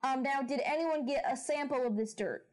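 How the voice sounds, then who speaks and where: A woman's voice: high voice, moderate pace, darkish tone, natural voice. A woman voicing a chatty scientist investigator who rambles with lots of fillers. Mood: earnest.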